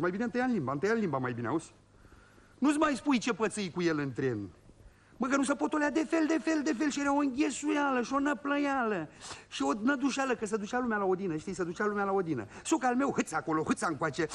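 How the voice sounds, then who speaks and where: A man's voice: sits high, fairly bright tone. A man telling a rustic comic monologue in a folksy way, turning often to his listeners. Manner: folksy, addresses listeners directly. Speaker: comic storyteller.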